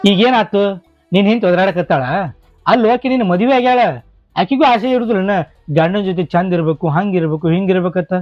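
An actor playing a loud, teasing village friend who chides the father, with a North Karnataka accent. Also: high voice, fast, no room sound, highs cut off, soft background music, lightly acted. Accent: North Karnataka Kannada.

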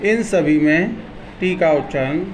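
A man teaching English pronunciation, who spells each word out letter by letter in an Indian accent and then says it in slow, deliberate dictation. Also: a little high, expressive, a little hiss or hum, low-quality recording. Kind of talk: spelling out words letter by letter, then pronouncing them.

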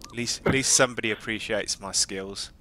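A man's voice: lowish voice, brisk, bright, forceful tone, slight background noise. A man bantering over a golf game, joking and teasing and laughing often. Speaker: gaming commentator. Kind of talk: casual gaming banter.

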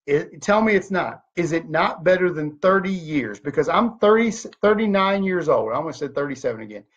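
The dull, lo-fi audio comes from a webcam on the desk of a home office, where a man of thirty-nine who leads in network marketing gives an emphatic motivational speech. He poses rhetorical question after question, hands moving animatedly, in a fairly high, slightly rough voice at normal speed.

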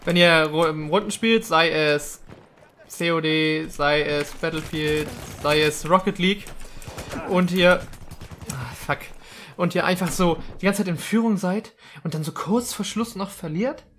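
A man's voice: a little high, a little slow, a bit bright, a little hiss or hum. A young man gives chatty, slangy let's-play commentary, rambling casually with English gamer words mixed in. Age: young adult. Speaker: gaming video host.

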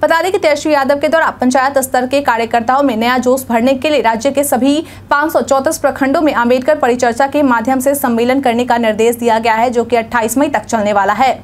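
High-voiced young woman reading the news. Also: fast talker, few pauses. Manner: formal, even newsreader delivery, seated at desk. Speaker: news anchor. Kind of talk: read news bulletin. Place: studio news set, indoors.

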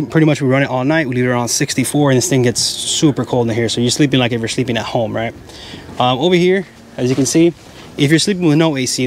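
A man in his thirties talks quickly through a casual walkthrough of a big tent at a wooded campground. He sounds chatty and explains as he points things out. His pitch is mid-range, and a faint outdoor hum sits behind him. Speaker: camping vlogger giving a tent tour. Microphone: handheld mic in hand.

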